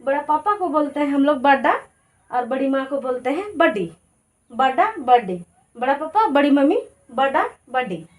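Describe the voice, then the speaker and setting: A woman teaching a language lesson in a casual, chatty way, repeating each word pair slowly to drill it. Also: sits high, sing-song.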